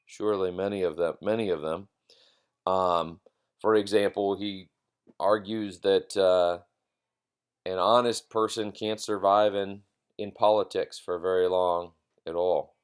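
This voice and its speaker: Deep-voiced man giving a reflective lecture. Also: steady tone, clear, resonant tone. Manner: halting, reflective, repeats phrases for emphasis. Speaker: philosophy lecturer. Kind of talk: informal recorded lecture.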